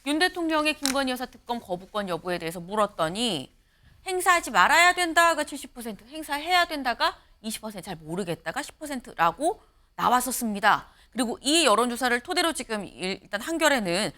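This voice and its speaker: A woman news anchor runs a studio political panel and reads poll figures in a brisk, clear way. Her voice is bright and high, and its pitch moves a lot. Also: big pitch swings.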